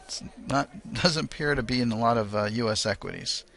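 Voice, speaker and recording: A man's voice: mid-range voice, a little fast, creaky, fairly bright tone. An American man giving casual live market commentary as host of an online trading show.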